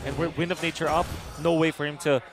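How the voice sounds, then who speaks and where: A man's voice: on the high side, little pitch movement, quick pace, creaky, soft background music. A man working as an esports caster and analyst, explaining the game in a conversational way.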